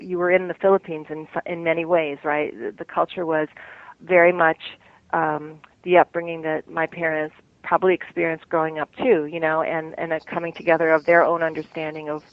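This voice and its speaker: In a low voice with vocal fry, an American woman author talks thoughtfully in an interview, often hunting for words and laughing. The sound is phone quality, with no room sound.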